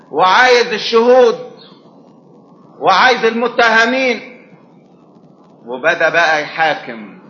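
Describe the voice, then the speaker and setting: A man with an Egyptian Arabic accent preaching a sermon, swinging between hushed asides and loud, rising passages. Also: a little high, a little hiss or hum. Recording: roomy, dull sound with faint ambience.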